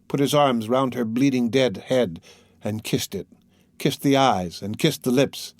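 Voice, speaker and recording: Expressive male audiobook narrator. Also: mid-range voice, no room sound, studio quality. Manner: expressive, dramatic reading. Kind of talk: scripted narration of a classic novel.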